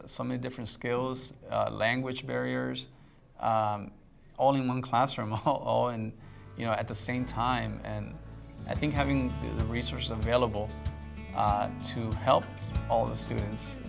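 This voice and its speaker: A man's voice: mid-range voice, fairly even intonation, normal speed, vocal fry, soft background music. A man from El Salvador whose first language is Spanish, speaking in an interview as a math teacher in a thoughtful way, with many fillers and restarts. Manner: reflective, with frequent fillers and restarts.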